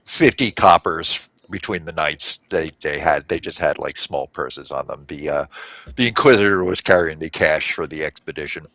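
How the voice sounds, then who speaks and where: A man's voice: a bass voice, moderate pace, a bit bright, no echo. Laid-back man running a tabletop game. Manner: hesitant, full of fillers, laid-back. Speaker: game master.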